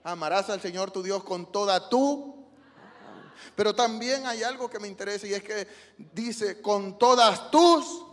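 A male pastor preaching an emotional sermon in a church, swinging from hushed lines to loud cries. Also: high voice, gravelly, in a large hall. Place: church sanctuary.

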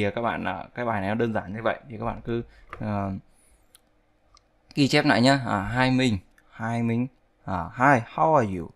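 A man's voice: mid-range voice, vocal fry, a bit bright. A man teaching an online language lesson, patiently repeating phrases for his students to drill. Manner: patient, instructive. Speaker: English teacher.

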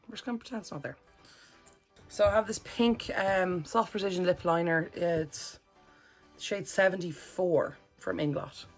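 Woman vlogger, low husky voice, chatty and rambling, faint music under her. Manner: chatty, rambling, self-correcting. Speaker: makeup vlogger. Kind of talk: casual makeup tutorial.

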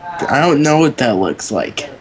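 A man's voice: medium pitch, very animated, a little slow, noisy background. A man chatting bluntly and self-deprecatingly during an online drawing game. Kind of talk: casual chat while playing an online drawing game.

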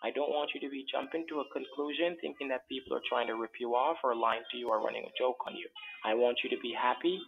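Male, Jamaican accent, insistent persuader on the phone, gravelly edge, slightly noisy line. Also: medium pitch, fast, muffled recording. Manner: insistent, placating. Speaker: phone scammer.

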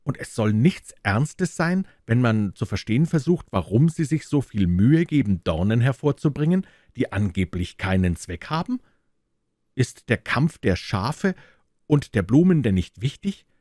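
A man's voice: mid-range voice, very animated, a little slow, darkish tone, no echo, studio quality, voice pushed up. A man voicing a small, earnest boy prince from another planet, who questions insistently and indignantly. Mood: impassioned.

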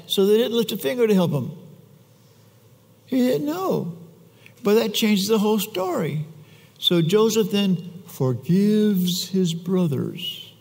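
A man's voice: very high-pitched, creaky. A man preaching a sermon in a church, telling the story in a casual, conversational way with chatty asides. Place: church sanctuary. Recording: long church reverb.

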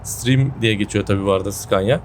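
Low-voiced man, slightly sick-sounding. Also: fast talker, slight background noise. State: sick with a sore throat, voice a bit off. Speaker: gaming video host. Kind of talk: casual gameplay commentary. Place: indoor room at home.

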